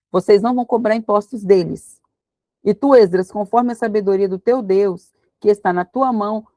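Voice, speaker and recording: A woman's voice: medium pitch, no echo. Woman teaching a Bible study. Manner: reads scripture slowly, then explains in a lively, conversational preaching tone.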